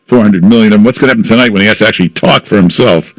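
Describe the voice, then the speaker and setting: Low-voiced male talk radio host. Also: no echo. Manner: brisk, plain-spoken host patter. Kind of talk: radio interview.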